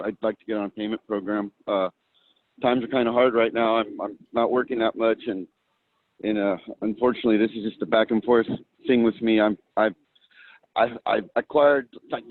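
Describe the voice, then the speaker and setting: A low-voiced man talks over a thin, phone-like line with a dry, close sound. He hesitates and stumbles, repeating words before he gets them out, answering politely as a defendant before a judge. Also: dry recording. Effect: heard over a phone line. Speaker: defendant in a remote court hearing. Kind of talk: casual speech addressing a judge.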